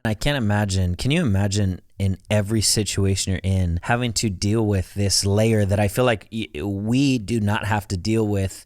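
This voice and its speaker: A man hosting a reaction video, speaking earnestly and with emphasis to his audience. His voice sits fairly low, and the sound is close and dry with no room echo. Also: a little mellow. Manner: earnest, emphatic commentary to viewers. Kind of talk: reaction commentary.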